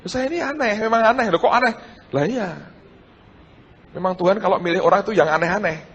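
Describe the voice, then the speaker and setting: A middle-aged man, preaching a sermon and telling his own story, swinging between hushed and loud. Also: high-pitched, a little fast, husky, lo-fi sound. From Indonesia. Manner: animated, shifts between hushed and loud, addresses audience as saudara. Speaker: pastor. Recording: large hall with long reverb and faint noise.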